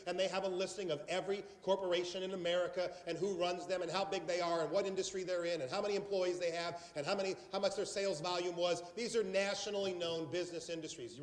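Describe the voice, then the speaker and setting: Brief: emphatic man with a South Carolina accent, high voice, live seminar, echoey hall. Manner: emphatic, blunt, banters with the audience. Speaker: sales trainer. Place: large meeting hall before a live audience.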